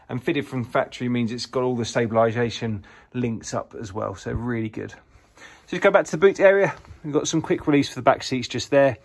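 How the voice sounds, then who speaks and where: A man giving a casual walkaround of a used car in an indoor showroom, filmed on a handheld camera. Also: medium pitch. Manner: upbeat salesman patter, filmed while walking. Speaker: car dealer presenting a used car. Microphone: camera held by the speaker.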